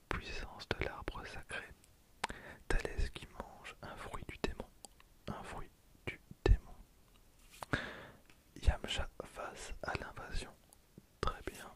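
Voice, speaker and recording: This ASMR host is a young man in his 20s who whispers fully and without voice, his tone breathy and hushed. He narrates an unboxing of cards, frequently saying phrases again at a slow pace, recorded up close on a handheld stereo recorder.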